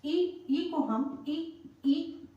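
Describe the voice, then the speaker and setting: A woman with a fairly high voice teaches pronunciation at a very slow, patient pace. She spells out words and repeats them. Her voice sounds far from the microphone in a strongly echoing room. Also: mellow, muffled recording. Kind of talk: slow spoken lesson. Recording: very echoey room, voice from off the mic.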